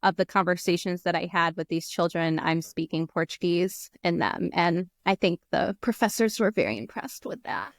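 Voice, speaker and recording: Speaking at normal speed with few pauses, a woman in her thirties from the United States talks in a voice on the low side, laughing a lot and using many fillers. She's a guest in a casual interview chat on a video call, wearing an earphone mic in a small indoor room; the recording is clean studio sound with no room sound.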